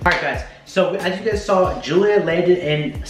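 A young American host of a challenge video talks casually to the camera, using slang and swearing freely. His voice is high-pitched and moves at a moderate pace. He's recorded by a camera mic a few feet away in an echoey home kitchen with faint music playing.

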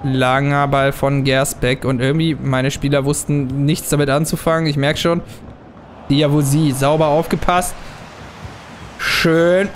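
A young man giving casual commentary while he plays a football video game, muttering at times and bursting out loudly at plays. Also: fairly high pitch, unhurried, slight background noise. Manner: excitable, swings from muttering to loud outbursts at plays. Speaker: gaming channel host.

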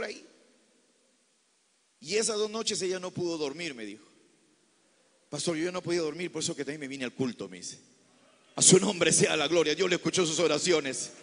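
Male pastor, high gravelly voice, fervent sermon, long church reverb. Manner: impassioned preaching that swings from hushed storytelling to loud exclamations. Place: large church hall.

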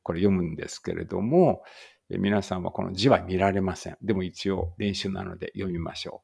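A man runs a relaxed read-aloud English lesson, chatting and correcting himself as he goes, then slowing right down for the English lines. His voice sits low with a gravelly edge. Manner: chatty, self-correcting, reads English slowly. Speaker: English teacher.

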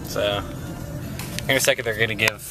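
A man in his twenties chatting casually in a rambling, relaxed way with lots of ums, filming himself at arm's length, mostly from a car. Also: fairly low pitch, moderate pace, gravelly, over loud music. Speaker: vlogger. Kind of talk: casual vlog chat. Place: inside a car, also a hallway and home kitchen. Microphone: handheld camera at arm's length. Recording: loud car and road noise. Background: car and road noise.

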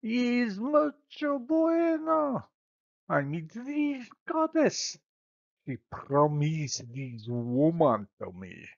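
Man putting on a smug stage-spanish young lover, crowing, high voice, drawled, muffled. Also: huge pitch swings, extremely slow, vocal fry, no room sound, exaggerated voice. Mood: boastful. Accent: put-on stage Spanish. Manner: smug, crowing, broken English. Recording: slightly muffled dry recording.

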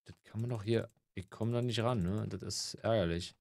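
A man's voice: fairly low pitch, moderate pace, creaky, a little mellow. A man giving casual gameplay commentary, grumbling and swearing, with mock-polite greetings to customers. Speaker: gaming let's player.

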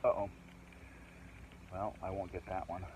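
A deep, darkish, level voice belongs to an unhurried middle-aged man vlogging solo while camping on a wooded island. He's chatty, thinking aloud and wandering into asides. Captured on a phone camera held selfie-style or set nearby, the recording is noisy outdoor audio with birds and ambient sounds.

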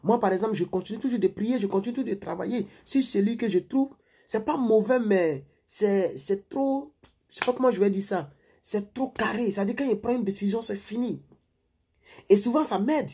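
A man's voice: high voice, warm tone, breathy edge. A man from Ivory Coast, giving life advice to his viewers in a rambling, repetitive monologue. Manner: rambling, repeats himself, addresses viewers directly.

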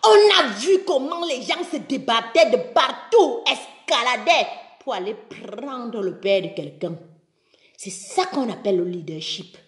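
A woman's voice: fairly high pitch, lively intonation, unhurried, roomy sound. A woman from Cameroon ranting live about politics, breaking into sung refrains between her tirades. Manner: passionate, sings chant-like refrains between spoken tirades. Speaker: political video commentator. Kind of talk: live video rant with singing.

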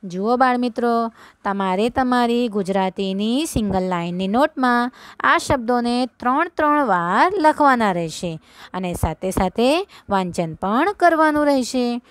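A woman's voice: on the high side, expressive, smooth, no echo. A woman teaching young children, reading a story aloud with them line by line, then explaining it and asking them questions. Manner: reads slowly, repeats lines, quizzes the children. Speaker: primary school teacher. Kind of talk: slow read-along story lesson for children.

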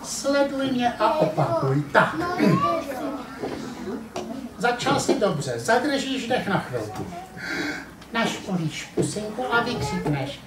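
A man's voice: high voice, big pitch swings, long pauses, a crowd in the background, voice pushed up. A man voicing a conceited, bossy female farm cat in a live puppet show. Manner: bossy, know-it-all, teasing. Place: family centre playroom, live puppet show. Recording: echoey room from far off, audience.

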